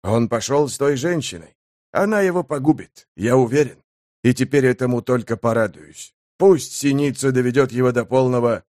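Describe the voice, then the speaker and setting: A man's voice: mid-range voice, normal speed, a little mellow, dry recording, clean studio sound, close to an everyday voice. A man voicing a bitter, defeated male warrior who speaks with brooding resentment in a fantasy audiobook.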